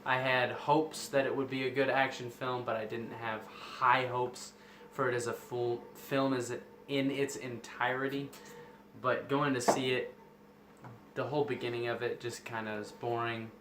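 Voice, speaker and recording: A man's voice: mid-range voice, little pitch movement, moderate pace, a bit bright. A man co-hosting a casual film review, giving his opinion in plain conversational speech. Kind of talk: casual movie review chat. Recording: roomy echo, faint background noise.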